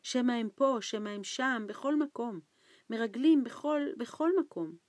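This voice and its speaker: A woman reading an audiobook, voicing a frightened, starving old man who talks in anxious, hushed pleas. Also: no room sound, studio quality, natural voice. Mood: fearful. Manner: anxious hushed pleading, raised pitch. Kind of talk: audiobook character voice.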